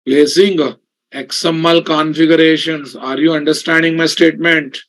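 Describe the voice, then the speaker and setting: A man's voice: on the high side, flat delivery, moderate pace, fairly bright tone. A man with a Telugu Indian English accent teaching a programming class, dictating in repeated phrases and checking in with questions. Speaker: programming instructor. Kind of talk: live lecture with slow dictation and repetition.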